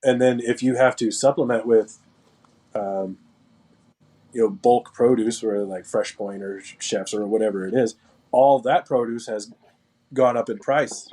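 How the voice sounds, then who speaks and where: A man in casual conversation, talking in a measured, reasoning way as a co-host. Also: medium pitch, warm tone.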